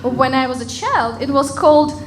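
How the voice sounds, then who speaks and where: A woman from Russia with a Russian accent doing a deadpan stand-up set on a comedy club stage. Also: sits high, normal speed. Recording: loud crowd and room noise in a club. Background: audience laughter.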